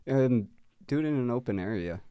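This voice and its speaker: A man's voice: medium pitch, animated, fairly quick, dark tone, dull audio. A young man, a podcast guest, chatting in a laid-back way about his travels. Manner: laid-back, frequent short backchannels and laughs. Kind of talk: casual chat.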